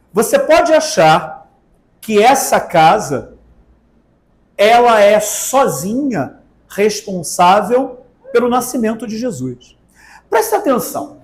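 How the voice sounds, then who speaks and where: A man with a Brazilian accent giving a spiritist talk to an audience, asking rhetorical questions and drawing out words for emphasis. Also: sits high. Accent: Brazilian Portuguese. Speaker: spiritist lecturer. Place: spiritist center meeting hall. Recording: echoey hall.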